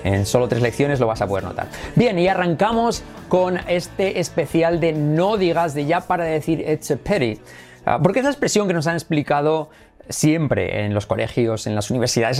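A man's voice: a little high, darkish tone. Spanish man teaching English phrases. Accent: Spain Spanish. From Spain. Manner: repeats English phrases slowly to model pronunciation. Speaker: English teacher and channel host. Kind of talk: casual language lesson.

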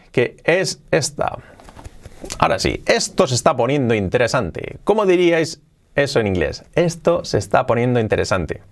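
A man from Spain hosting a podcast English lesson, switching between brisk explanations and slow, drawn-out example phrases. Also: mid-range voice. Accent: Spain Spanish. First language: Spanish. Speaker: English teacher.

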